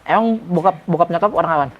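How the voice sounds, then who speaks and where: A man's voice: fairly high pitch, fast talker, highs cut off. A man hosting a casual interview, firing off short, prodding questions. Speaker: interviewer host.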